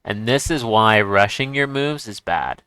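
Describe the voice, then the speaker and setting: Bright, crisp-voiced man thinking aloud over chess. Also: lowish voice, unhurried, dry recording. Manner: thinks aloud, restarts sentences, occasional excited outbursts. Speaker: chess streamer. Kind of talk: casual chess commentary.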